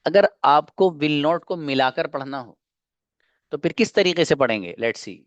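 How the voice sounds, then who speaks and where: A man's voice: fairly high pitch, lively intonation, unhurried, no echo, lo-fi sound. A man teaching an online grammar lesson. He, asks questions and answers them himself, and repeats each example patiently. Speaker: English teacher.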